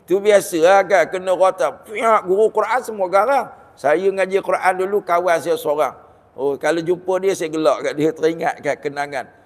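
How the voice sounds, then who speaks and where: A man with a Malaysian Malay accent giving a Ramadan sermon, lively and storytelling, with jokes and rhetorical questions. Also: sits high, normal speed. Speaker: religious teacher giving a Ramadan talk. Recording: long hall reverb.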